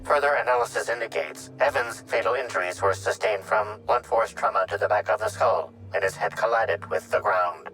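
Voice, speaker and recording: A forensic analysis machine from a video game, impassive and formal. The male voice is fairly low and states things with detached precision. Faint music plays behind it. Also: a little fast, few pauses, pushed and bright, low-quality recording. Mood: clinical, detached. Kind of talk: scripted video game narration.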